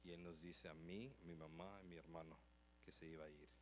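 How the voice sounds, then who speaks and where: A man's voice: deep voice, steady tone, fairly quick, a little hiss or hum. A man preaching a testimony in a church, telling his story with emotion and restating each line in a second language. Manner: switches between Spanish and English line by line, emotional storytelling. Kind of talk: bilingual sermon testimony. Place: church sanctuary.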